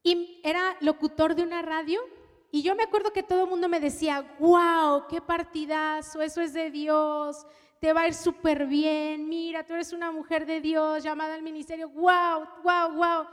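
A woman preaching a personal testimony, telling her story with strong emotion and dropping to a hush at tender moments. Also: high-pitched, little pitch movement, moderate pace, in a large hall. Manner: emotional storytelling, shifts from loud to hushed. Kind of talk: testimony sermon.

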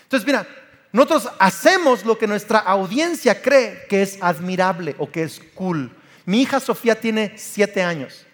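A man, preaching a sermon with passion and acting out stories, his voice climbing to shouts. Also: high voice, animated, unhurried, big-room sound. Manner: passionate, acts out Bible scenes and family anecdotes, rising to shouts. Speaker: pastor. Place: church hall.

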